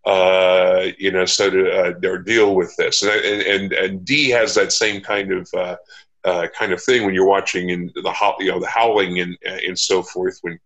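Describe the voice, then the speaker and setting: A man with a fairly low voice hosts a casual interview. He talks reflectively and at length, feeling his way through each thought in a halting manner. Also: level tone, fairly bright tone, highs cut off. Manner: halting, reflective, long-winded. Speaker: interview host.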